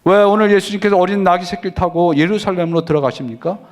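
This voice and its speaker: A middle-aged pastor preaching a conversational sermon, who keeps asking the congregation questions and answers them himself. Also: male voice, high-pitched, steady tone, quick pace. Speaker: senior pastor.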